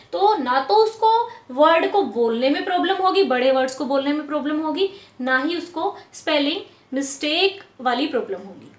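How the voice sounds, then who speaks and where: A woman teacher explains a lesson to parents in a high voice. She is patient and says key words slowly, syllable by syllable. The sound is echoey, as in a bare room.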